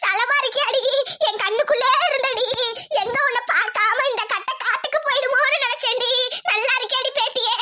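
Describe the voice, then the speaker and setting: A woman's voice: extremely high pitch, a little fast, hardly any pauses, pushed and bright, voice pushed up. A woman doing a doting old village granny. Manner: doting, laughing while talking. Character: loving old village grandmother.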